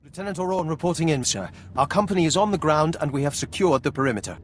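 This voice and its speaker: An actor playing a brisk, businesslike army lieutenant making a report in a video game. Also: male voice, on the high side, animated, a little hiss or hum, lightly acted.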